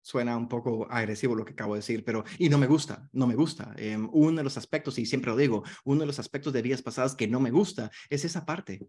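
A man leads an online masterclass on hypnotherapy, talking his students through the method. His voice sits at an ordinary middle pitch. He speaks conversationally and keeps checking in with his class. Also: fast talker, hardly any pauses, darkish tone, husky. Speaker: hypnotherapy instructor.

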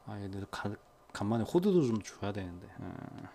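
A man chatting casually to viewers while tending his small pets at home, often dropping to a soft coaxing murmur. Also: lowish voice, sing-song, moderate pace, vocal fry. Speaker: pet vlogger.

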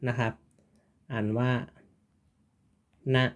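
A man teaching a writing lesson, patiently repeating each syllable and stroke order. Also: moderate pace. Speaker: Japanese teacher. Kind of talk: slow step-by-step writing lesson.

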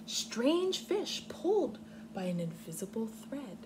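A young American woman reads aloud on a living room couch, explaining things simply to small children the way a kindergarten teacher would. Her voice is a little high and sing-song, and she takes her time, using plain words and clear explanations. It's a home recording with obvious noise.

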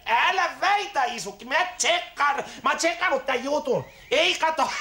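A man's voice: very high-pitched, sharp tone, reverberant, heavily acted. A man playing a brash, giggly 40-year-old in a TV comedy sketch, talking in Helsinki slang and stammering as he tells his story. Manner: giggly, stammering, keeps tacking on "hei".

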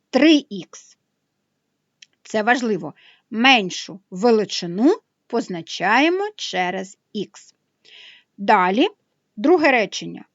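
A woman's voice: fairly high pitch, dry recording, dull audio. A woman math teacher explaining a lesson patiently, step by step.

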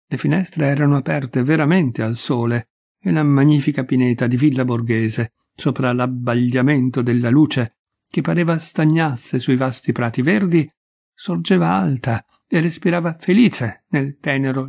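A man reading a classic short story aloud in a measured, expressive narration. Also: mid-range voice, creaky. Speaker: audiobook reader. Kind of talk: literary narration.

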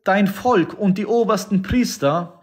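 A skeptical Roman governor asks pointed, incredulous questions in a noticeably higher voice. A man reads the part aloud during a sermon. The delivery stays close to plain scripture reading. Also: unhurried.

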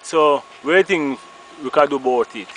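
A man's voice: fairly high pitch, brisk, fairly bright tone, rough recording. A Jamaican man interviews someone in easygoing conversational patois. He is outdoors on a roadside, with faint noise in the background. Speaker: interviewer filming a video, farmer.

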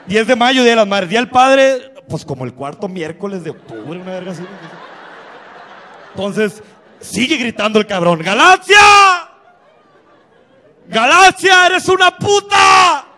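A man with a Mexican accent doing profane, animated stand-up storytelling. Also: high-pitched, normal speed, in a large hall, a faint crowd. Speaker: stand-up comedian.

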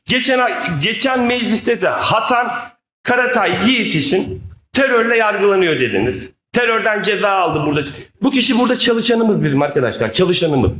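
A man's voice: high voice, fairly bright tone. A man arguing insistently as a council member in a heated political debate, often repeating himself. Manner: argumentative, insistent, repetitive. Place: large indoor meeting hall. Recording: echoey council hall microphone.

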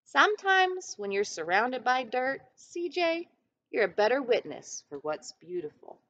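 Woman reading as a folksy wise grandma from a picture book, brisk but encouraging, real bouncy pitch, bit lo-fi. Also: very animated, a bit bright, full character voice. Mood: gently encouraging. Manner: folksy, emphatic.

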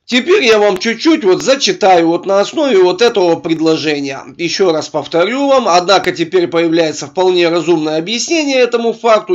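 High-voiced man with a burred R. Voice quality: burred r, a speech impediment on the r sound. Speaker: video blogger. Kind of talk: reading texts aloud with informal commentary. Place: voice-over recorded over a screen capture. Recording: dull, lo-fi microphone sound.

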